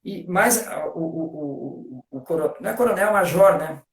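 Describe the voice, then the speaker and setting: A man's voice: on the high side, animated, normal speed, reverberant. A man, a guest on a live stream, explains things eagerly in casual talk. He fills his speech with "né" and counts out rhythms aloud. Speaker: guest discussing literature.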